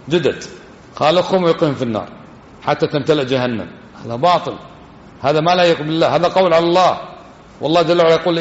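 A man giving a religious lesson, talking quickly and conversationally and putting questions to his listeners. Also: fairly high pitch, slight background noise. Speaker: religious teacher. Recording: dull, echoey hall.

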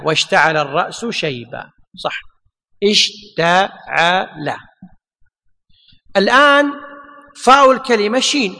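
A man's voice: sits high, pushed and bright. A man teaching a grammar lesson, repeating his points and asking and answering his own questions. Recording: long hall reverb.

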